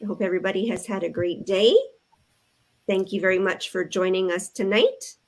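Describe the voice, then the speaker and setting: A woman's voice: mid-range voice, steady tone, normal speed. An older woman from Canada hosting a casual group video chat. She speaks in a friendly, organized way and reads short passages aloud. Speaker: host.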